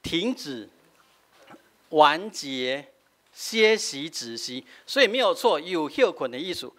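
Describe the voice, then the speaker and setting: A pastor in middle age, Taiwanese-accented, teaches from scripture while alternating Taiwanese and Mandarin and adding a short "hah" to his sentences. He speaks slowly in a fairly high, fairly bright voice with big pitch swings.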